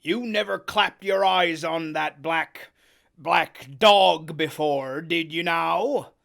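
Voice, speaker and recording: A reader voicing a cunning, hearty one-legged old pirate innkeeper who talks loudly in sailor's slang. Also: mid-range voice, sing-song, slow, creaky, voice pushed up, full character voice. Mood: blustering. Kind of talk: audiobook character voice.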